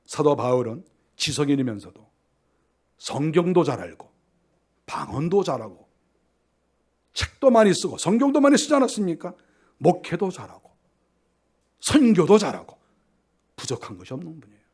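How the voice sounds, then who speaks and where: A man's voice: a little high, normal speed, pauses often, husky. A middle-aged man preaching a sermon as pastor, telling stories and acting out the voices of church members. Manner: animated storytelling, acting out quoted church members.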